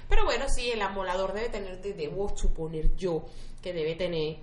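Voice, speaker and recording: A Venezuelan woman co-hosting a podcast, an animated storyteller who mimics voices. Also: fairly low pitch, normal speed, echoey room, background noise. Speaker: podcast co-host. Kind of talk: casual chat. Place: studio.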